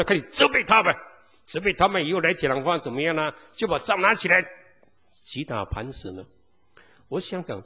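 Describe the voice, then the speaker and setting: A man's voice: mid-range voice, breathy edge. A man preaching a sermon as pastor, peppering the congregation with rhetorical questions. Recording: long hall reverb.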